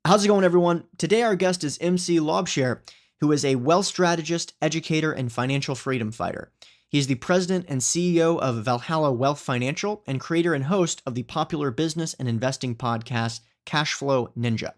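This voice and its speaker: A man's voice: on the high side, a little fast. A man hosting a podcast, introducing the episode and guest earnestly, often saying "you know". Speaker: podcast host.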